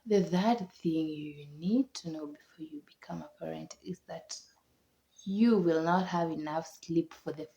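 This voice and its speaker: A young woman with a Kenyan accent talks casually, laughing and repeating herself for emphasis. Her voice sits a little low and sounds mellow and dark. The recording is dull and lo-fi. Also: unhurried, creaky. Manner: chatty, laughs often, repeats words for emphasis. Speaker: vlogger. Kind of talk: casual chat.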